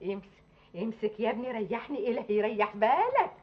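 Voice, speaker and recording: A woman's voice: a little high, expressive, fast, natural voice. An actress playing a pushy, doting middle-aged village mother with a rural Egyptian accent, coaxing and scolding her son. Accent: rural Egyptian Arabic. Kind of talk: TV drama acting. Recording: dull lo-fi TV soundtrack.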